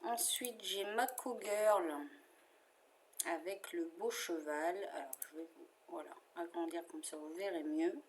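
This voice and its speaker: A woman with a French accent talks through her favorite cross-stitch patterns at an unhurried, unrushed pace. She is chatty and relaxed, with fillers and small asides as she goes. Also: on the low side, slight background noise. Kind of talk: casual chat showing favorite patterns.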